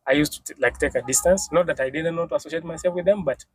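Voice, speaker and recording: A young man from Congo, telling stories as a podcast guest in a halting, casual way, restarting phrases and dropping in Swahili words. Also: on the high side, over a noisy crowd. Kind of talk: casual interview storytelling.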